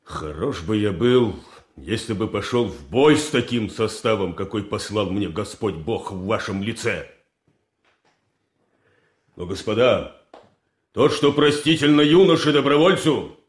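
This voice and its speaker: An actor playing a stern, bitterly sarcastic army colonel in a period military drama, declaiming orders deliberately with heavy pauses. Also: male voice, lowish voice, animated. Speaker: commanding officer. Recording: echoey hall.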